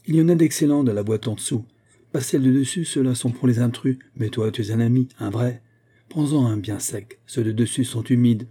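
A man's voice: mid-range voice, brisk, mellow, breathy edge, natural voice. A man voicing a cheerful, teasing young male officer who talks in a breezy, chatty, mocking way.

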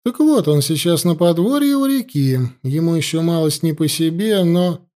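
Sly young woman, put on by a male reader: mocking and lively. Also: a little high, normal speed, pitched above the performer's own voice, close to an everyday voice.

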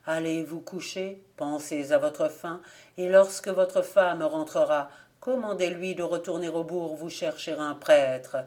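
A grim male reaper of death from an old legend, read aloud by a woman. He speaks in a solemn, measured way, with a fairly low voice. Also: steady tone, a little mellow.

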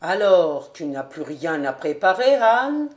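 Reader playing a reserved young bachelor in an audiobook; understated, unhurried. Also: medium pitch, sing-song. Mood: calm. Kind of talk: audiobook character reading.

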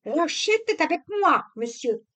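A woman's voice: high voice, big pitch swings, a bit bright, pitched above the performer's own voice, heavily acted. A woman reading an audiobook, voicing a stout, timid housekeeper with a fluty voice who speaks hurriedly and nervously. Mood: placating. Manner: hurried, nervous, near tears.

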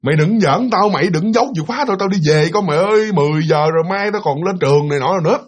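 A man's voice: sits high, rapid-fire. A man voicing a young female cafe waitress who is irritated and bold, speaking in a snappish, scolding way.

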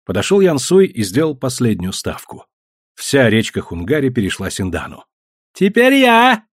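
A man narrating an audiobook in a dramatic, expressive reading style. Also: fairly low pitch, normal speed, slightly rough, no room sound, clean studio sound.

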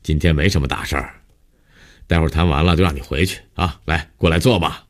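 A stern middle-aged police captain from a storybook, lecturing a suspect with long pauses and drawn-out fillers, as a male narrator acts him out. The voice sits extremely deep and gets louder and pushier as he presses. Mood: coaxing. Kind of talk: audiobook character voice.

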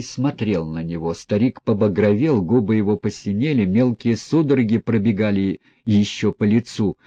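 A man narrating a classic novel as an audiobook in a measured, even reading. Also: on the low side, no room sound.

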